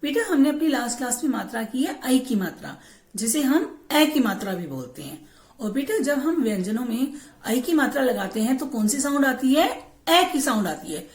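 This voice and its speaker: A woman teacher giving a slow, patient lesson to children. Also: high voice. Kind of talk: online class lesson.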